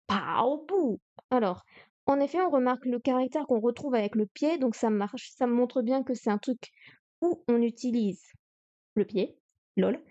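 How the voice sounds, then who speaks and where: A woman's voice: high-pitched, a little mellow, muffled recording. A woman on a live stream studying Chinese vocabulary, repeating words, counting strokes aloud and chatting to herself as she goes.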